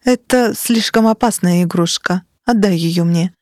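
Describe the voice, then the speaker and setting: With a lowish, darkish voice and an unhurried, lightly acted delivery, a woman plays an audiobook's domineering sorceress mother. She sounds icy and scolding, full of cold scorn, hitting her words sharply. The studio recording is clean and echo-free.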